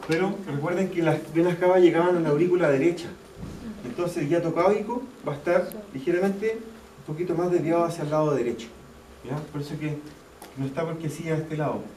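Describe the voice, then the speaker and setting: Speaking at a fairly quick clip, a man teaches anatomy in a mellow voice pitched a little high. He builds the explanation step by step, says key terms more than once, and asks "¿ya?" to see if students follow. A far-off mic catches echo and faint background noise in the lecture hall.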